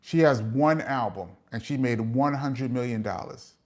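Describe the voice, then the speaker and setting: A man's voice: mid-range voice, measured pace. A middle-aged man with a New York accent, hosting a casual live chat and reading out viewer comments, chatty, with frequent "um" fillers and laughs.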